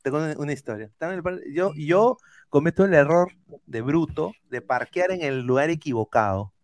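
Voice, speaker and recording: A man tells a long personal story on a chat show, with a slightly high voice. He rambles, restarts his sentences often and drops casual swears along the way. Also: fairly quick, no room sound. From Peru. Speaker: panelist.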